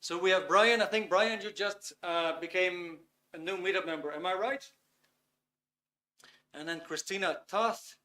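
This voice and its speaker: A Dutch man in his fifties hosts a live webinar in English, his voice sitting high with a sharp tone. He speaks unhurriedly with a Dutch accent, using many fillers and sometimes searching for words.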